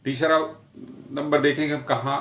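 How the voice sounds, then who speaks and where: A man teaching English articles in Hindi, giving English example sentences and saying them slowly and deliberately. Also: fairly high pitch, level tone, a bit bright, echoey room, a little hiss or hum. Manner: slow, deliberate spelling out of examples. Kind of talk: explaining grammar with Hindi examples.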